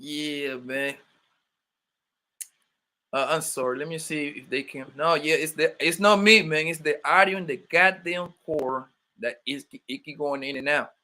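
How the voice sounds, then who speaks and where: Speaking unhurriedly in a slightly high, sharp voice with fairly even intonation, a young New York-accented man runs a laid-back livestream. He was born in Colombia, grew up in Brooklyn, and loosely jokes while greeting chat viewers by name.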